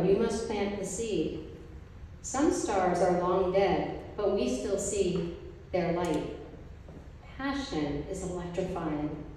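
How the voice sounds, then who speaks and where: At an indoor art gallery event, a woman poet recites a group poem from paper pages in a slow, measured, mellow voice of fairly low pitch. The clip was filmed from afar with a handheld mic, so she sounds distant in the echoey mid-sized room. A little hiss or hum runs underneath.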